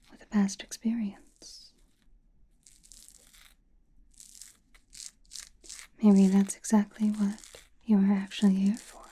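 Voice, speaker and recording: Slow whispering Scarlet Witch, acted by a woman. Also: medium pitch, warm tone. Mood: musing, intimate. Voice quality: breathy, airy whisper. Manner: slow, soothing, deliberate, with musing pauses. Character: confident, mysterious witch, attentive fortune teller. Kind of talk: whispered ASMR roleplay.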